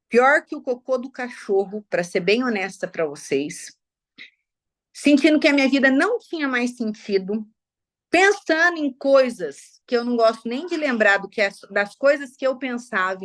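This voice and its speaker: A woman's voice: a little high, animated, a little slow. Woman telling her story. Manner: emotional, confiding, addresses listeners as "gente". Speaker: speaker sharing personal testimony. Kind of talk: personal testimony to a live audience.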